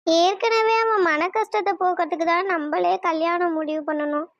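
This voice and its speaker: A woman's voice: very high-pitched, fairly even intonation, moderate pace, no room sound, highs cut off. A woman voicing a worried, fretful middle-aged mother in a cartoon. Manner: fretful, anxious.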